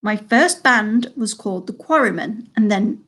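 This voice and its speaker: A woman hosting a live pub quiz from home, chatty, reading each question slowly and repeating it. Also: mid-range voice, expressive, fairly bright tone. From Salford, England. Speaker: quiz host.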